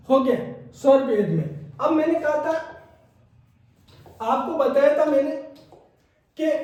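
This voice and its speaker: A man's voice: very high-pitched, mellow. A man teaching Hindi grammar as a classroom lecture, repeating key points and checking in with his students. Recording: echoey room, mic far off.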